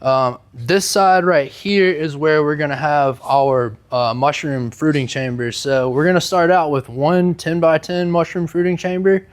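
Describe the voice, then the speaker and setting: Young adult male, slightly higher-pitched, laid-back and upbeat, casual small-business vlog tour delivery. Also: fairly even intonation, unhurried, few pauses. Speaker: small microgreen business owner giving a tour. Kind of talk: casual vlog walk-through. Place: inside a large warehouse building.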